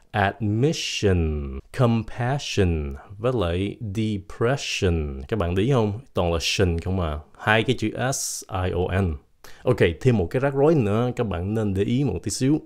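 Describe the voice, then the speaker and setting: A young man teaches English pronunciation in a relaxed, chatty video lesson. His voice sits fairly low, and he jokes and reassures his viewers, stretching example words out slowly and clearly.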